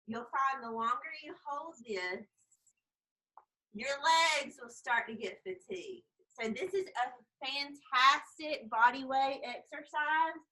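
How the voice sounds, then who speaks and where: High, bright woman aerobics instructor. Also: animated, takes it slowly, rough recording. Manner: upbeat, encouraging. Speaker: group fitness instructor. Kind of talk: aerobics class instruction, counting and cueing moves.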